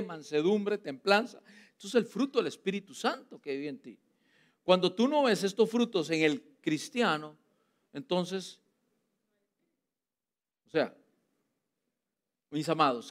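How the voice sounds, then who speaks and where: Man, Costa Rican accent, high voice, very animated, teasing sermon. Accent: Costa Rican Spanish. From Costa Rica. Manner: playful, teasing, joking with the congregation. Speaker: preacher. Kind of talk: lively sermon.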